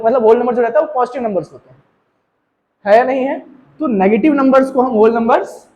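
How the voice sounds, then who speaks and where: A maths teacher from India talks to his class in Hindi mixed with English mathematical terms, checking their understanding as he goes. His pitch is extremely high with a darkish tone, captured on a low-quality recording.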